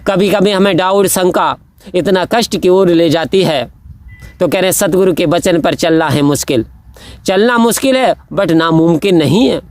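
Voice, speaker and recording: A man delivers a devotional sermon in a high-pitched voice. He tells stories and recites verse lines, and his delivery rises and falls with passion. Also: a little slow, no echo. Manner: impassioned, rising and falling, recites verse lines. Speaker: preacher.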